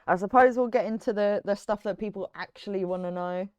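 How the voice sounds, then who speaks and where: A woman's voice: mid-range voice, fairly quick, a little mellow, clear, resonant tone, no room sound. Teasing British woman interviewer. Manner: teasing, swearing, playful. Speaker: interviewer, podcast host. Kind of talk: casual interview chat.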